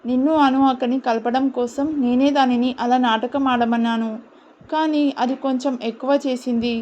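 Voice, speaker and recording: A woman's voice: high-pitched, fairly even intonation, moderate pace, darkish tone, slight background noise, lightly acted. A woman voicing a fretful young man worried for his sister, on a dull lo-fi recording. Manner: fretful, pleading.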